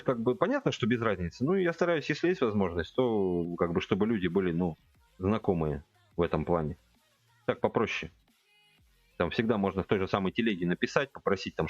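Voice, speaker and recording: Low-voiced man in his forties. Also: dry recording, highs cut off. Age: 40s. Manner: relaxed thinking aloud, addressing chat directly. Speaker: game streamer. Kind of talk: casual gameplay chat with viewers. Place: home room at a computer.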